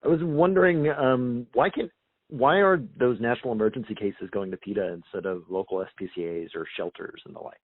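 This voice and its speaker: Husky man calling in over a phone line. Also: medium pitch, brisk, no room sound. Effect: phoned-in caller heard over a phone line. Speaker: caller. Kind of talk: caller asking a question on a call-in town hall. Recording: tinny phone line, a bit distant.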